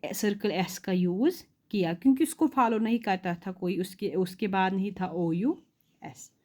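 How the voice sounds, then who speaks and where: A woman teaching shorthand in a classroom-style lesson, asking rhetorical questions and repeating words slowly. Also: fairly high pitch, a little mellow. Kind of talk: classroom lesson explaining rules.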